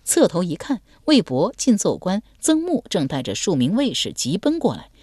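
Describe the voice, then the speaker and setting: A woman narrating a historical novel as an audiobook, in an expressive storytelling cadence. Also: fairly low pitch, moderate pace, dry recording, clean studio sound.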